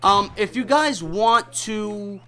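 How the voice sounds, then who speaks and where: A man's voice: sits high, takes it slowly. A young man from New York, a gaming YouTuber, ranting and mocking commenters in a voice-over over gameplay. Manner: animated, mocking, ranting delivery. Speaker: gaming YouTuber reading hate mail.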